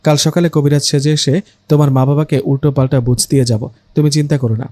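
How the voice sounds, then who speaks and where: A man voicing a sly male ghost in a storybook reading, scheming and quiet. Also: a little high, fairly even intonation, quick pace, no room sound, clean studio sound, close to an everyday voice.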